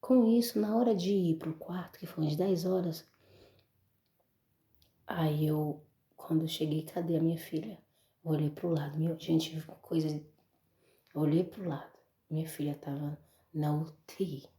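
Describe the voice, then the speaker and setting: A Brazilian woman gives an emotional testimony to a church audience, calling them brothers and folks. Her voice is low and gravelly, with a dark, mellow tone. The sound rings in a roomy space. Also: fairly even intonation, a little slow, pauses often. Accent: Brazilian Portuguese. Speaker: testimony speaker.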